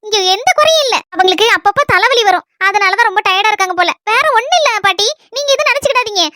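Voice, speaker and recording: Cheerful young bride with a Kanyakumari accent, high and quick, keen to reassure, as a woman puts her on. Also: expressive, bright, forceful tone, dry recording, heavily acted. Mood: reassuring. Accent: Kanyakumari Tamil. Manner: eager, reassuring. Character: young married granddaughter, sweet, reassuring. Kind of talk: comedy skit role-play.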